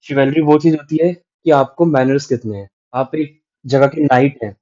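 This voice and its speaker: A man's voice: mid-range voice, moderate pace, warm tone. A man teaching a literature lecture in mixed Hindi and English, explaining patiently and checking in with "right?". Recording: dull lo-fi sound.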